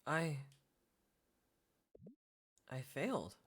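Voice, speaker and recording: A woman reading a grief-stricken young man's lines in a hushed, halting, pleading voice. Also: sits low, sing-song, heavily acted. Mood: hushed despair.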